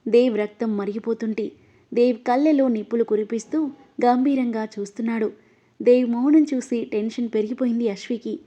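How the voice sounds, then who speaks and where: A woman reading an emotional novel aloud as narrator, voicing every character herself and getting louder in the angry lines. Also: a little high, fairly even intonation, a little fast. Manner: reads all the characters, her voice rising louder in angry lines. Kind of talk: scripted story narration. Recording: dull, lo-fi audio.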